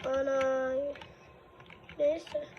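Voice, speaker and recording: A woman chatting excitedly to herself as she plays a computer game, narrating her moves and reacting out loud. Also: high voice, extremely slow. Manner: chatty, excitable, talking to herself while playing. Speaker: gaming video creator. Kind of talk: casual gameplay commentary. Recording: dull lo-fi with faint noise.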